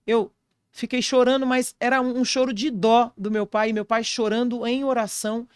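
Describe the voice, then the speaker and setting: A woman's voice: on the high side, fairly even intonation, moderate pace, darkish tone, smooth, no room sound, clean studio sound. A woman pastor with a Brazilian accent, telling a personal testimony in an interview and acting out the voices of people in her story. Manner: vivid storyteller who acts out quoted voices. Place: podcast studio.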